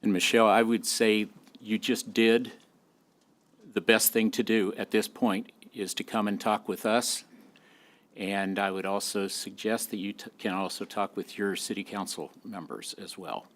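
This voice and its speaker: A man chairing a city planning meeting, measured and courteous as he thanks speakers. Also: fairly low pitch, fairly even intonation, a bit bright. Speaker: commission chair.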